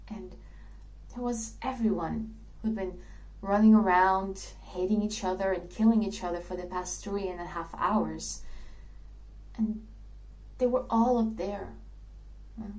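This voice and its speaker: A woman playing a dreamy, idealistic young actress in a theatrical monologue, telling her story earnestly with soft laughs. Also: medium pitch, lightly acted, low-quality recording. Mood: wistful.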